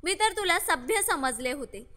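A frightened, tearful young woman pleads in a very high, bright voice, as a woman narrator reads her lines. Her words ring out with a long hall reverb in this read-aloud story. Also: lively intonation, normal speed, full character voice. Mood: tearful pleading.

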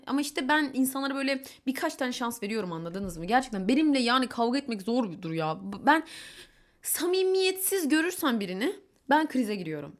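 A young woman rattles through her stories at a quick clip, her voice sitting a little high. She is candid and chatty, with exasperated asides, and she mimics the people she quotes. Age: young adult. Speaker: vlogger. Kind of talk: casual storytelling vlog.

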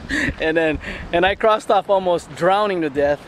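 A man's voice: high voice, normal speed. A man chats casually as a vlogger, asking a friend questions. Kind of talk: casual chat. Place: outdoors on a rocky shore. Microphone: handheld camera. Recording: loud surf and wind noise.

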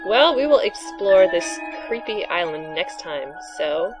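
A woman's voice: fairly low pitch, big pitch swings, a little slow, poor audio. A woman hosting a game playthrough with casual, playful chat. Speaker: let's play host. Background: game music.

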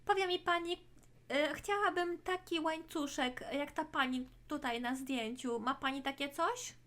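Pushy, wheedling twin sisters out to rob a shop, greedy and scheming, voiced in a high register, as a woman puts them on for a toy play story. They hurry the shopkeeper along and demand to see everything. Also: a little slow, fairly bright tone.

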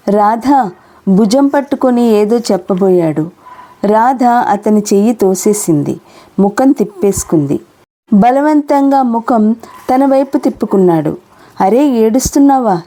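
Mellow-voiced woman reading a novel aloud. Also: mid-range voice, animated, a little slow, long pauses. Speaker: audiobook narrator.

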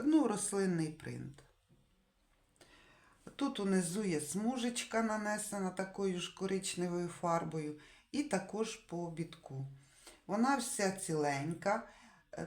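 A woman with a lowish voice shows off secondhand dishes in a casual way. She describes every detail slowly and thinks aloud as she goes. The room around her gives back a clear echo. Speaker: secondhand dish seller. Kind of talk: casual product showcase. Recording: echoey room.

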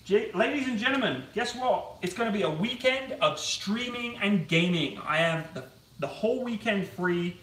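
A young man live-streams himself cooking at home, chatting casually with rambling, self-deprecating humor. His high, expressive, fairly bright voice moves at a moderate pace, and the tripod camera across the kitchen makes the sound roomy and distant, with slight background noise.

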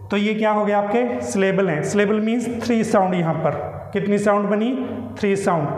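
A man teaching English as a lesson, explaining slowly, repeating key words and asking and answering his own questions. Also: sits high, fairly even intonation. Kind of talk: classroom-style lesson. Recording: echoey room with long reverb.

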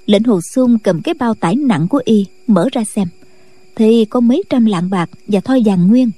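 A woman narrating a martial-arts novel in a steady, scripted late-night storytelling style. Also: fairly high pitch, moderate pace, slightly rough, no room sound. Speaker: audiobook narrator.

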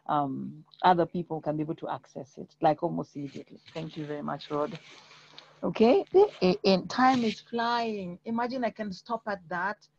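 An instructive voice coach, leading a class over a video call. The voice has a breathy, husky edge. The call audio is dry and a bit muffled. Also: medium pitch, a little mellow, dry recording. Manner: instructive, checks in with repeated okays. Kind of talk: online class lecture. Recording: dull lo-fi online call audio.

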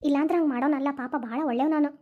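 A woman's voice: high voice, fairly even intonation, rapid-fire, highs cut off, close to an everyday voice. A woman voicing a grieving old mother-in-law in a cartoon, plaintive, in a Dharwad Kannada accent. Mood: sorrowful. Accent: North Karnataka Dharwad Kannada. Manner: lamenting, plaintive dialect storytelling. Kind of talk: cartoon voice acting.

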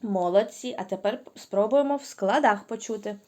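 A woman's voice: mid-range voice, moderate pace, mellow. A woman teaching a lesson to small children, speaking patiently and drawing out sounds in sing-song drills. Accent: Ukrainian. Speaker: preschool teacher.

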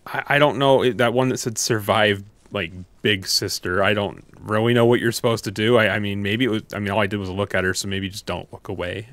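A man's voice: on the low side, a bit bright, no echo. A man gamer giving casual commentary on a horror game, thinking aloud in loose, sweary language.

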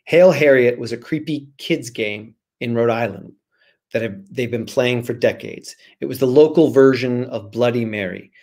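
Reading from a storybook and chatting casually, a forties-aged man joins a video call as a guest author. His mid-range voice is a little mellow and moves at a normal pace, picked up by a computer at arm's length in a small room at home.

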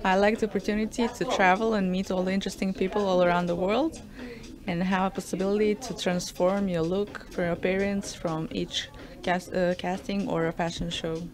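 A woman's voice: mid-range voice, little pitch movement, brisk. A young woman from Serbia, giving composed, fluent interview answers. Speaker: model interviewee. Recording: noisy crowd chatter behind.

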